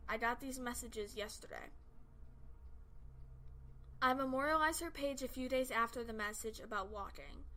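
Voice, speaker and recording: A woman's voice: fairly high pitch, sharp tone, rough recording. A woman reading a scripted first-person horror story as its narrator.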